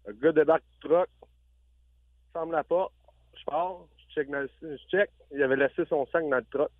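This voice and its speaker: A man's voice: a little high, normal speed, no echo. A man with a Québécois accent calling in to a radio show and telling a rambling story with quoted dialogue. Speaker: caller. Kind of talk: phone-in storytelling. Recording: tinny dry phone line.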